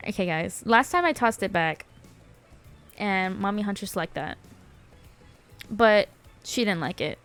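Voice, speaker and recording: A woman's voice: medium pitch, unhurried, pauses often, a bit bright, clean tone, soft background music. A woman on a casual gaming stream who reads game text aloud and laughs often between jokey asides.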